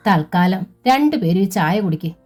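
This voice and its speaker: A woman's voice: lowish voice, animated, normal speed, darkish tone, faint music behind. A woman voicing a helpful young man who speaks in an earnest, reassuring way in a storybook reading.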